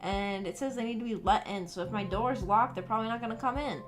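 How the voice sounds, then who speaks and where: Talking quickly in a mid-range voice, a woman streamer chats with her viewers in a rambling, giggly, self-conscious way. She is streaming from her room at home with music playing behind her.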